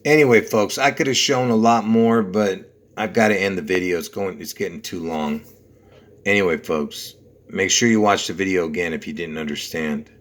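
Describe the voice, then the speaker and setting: A man's voice: deep voice, normal speed. A man from Lebanon hosting a video, walking viewers through numbers in a rambling, insistent way, often checking "okay?" and "you see?". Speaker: video host. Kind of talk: conspiracy numerology video walkthrough.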